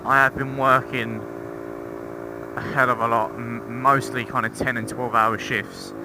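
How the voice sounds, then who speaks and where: An unhurried young man with a medium-pitched voice, flat delivery and vocal fry talks casually through his helmet intercom mic. The motorcycle vlogger rides outdoors on roads, rambling through a review while swearing and mocking himself. The mic captures loud engine and road noise.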